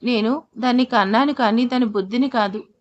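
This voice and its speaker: An ashamed middle-aged mother speaks in a storybook drama, voiced by a woman narrator. She talks in an apologetic, subdued way, with a fairly high voice on a dull recording. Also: fairly quick, natural voice.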